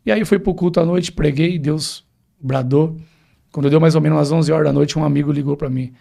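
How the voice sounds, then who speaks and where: Emphatic pastor with a higher voice. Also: male voice, fairly even intonation, fairly quick, gravelly, warm tone. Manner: emphatic storyteller, keeps addressing the host as pastor. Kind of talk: personal testimony in a podcast interview.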